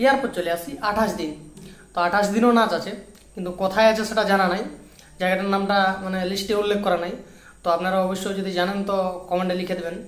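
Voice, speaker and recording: A man's voice: sits high, fairly bright tone, roomy sound. A man reading a booking list aloud in a repetitive, patterned way and asking listeners to comment. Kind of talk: read-aloud list, informal narration.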